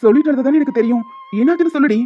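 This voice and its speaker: A woman's voice: sits high, racing, lightly acted. A woman voicing a protective young man who questions firmly and reassures in a cartoon. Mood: demanding. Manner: firm, questioning. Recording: dull lo-fi with music behind.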